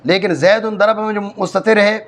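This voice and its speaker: Man, high-pitched, classroom lecture, step-by-step explanations, checks understanding. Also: a bit bright. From Pakistan. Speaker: teacher of a madrasa class. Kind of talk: classroom lecture on Arabic grammar.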